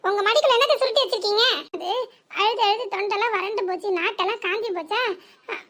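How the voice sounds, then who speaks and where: A woman's voice: very high-pitched, quick pace, a bit bright. A woman voicing a complaining, self-pitying village sister-in-law in a cartoon comedy, with a southern Tamil Nadu accent. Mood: grumbling. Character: weepy put-upon village sister-in-law.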